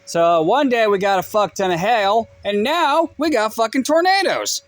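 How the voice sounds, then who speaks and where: A man at a moderate pace vlogs casually outside during his rural delivery route, recording on his phone with no echo. He curses, rambles, and moves through lively swings in pitch.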